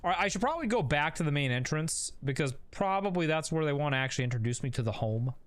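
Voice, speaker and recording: A man's voice: a little high, lively intonation, fast talker. Rambling, laughing male streamer. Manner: rambling, laughing, many fillers and restarts. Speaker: streamer and host. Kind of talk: casual live game stream.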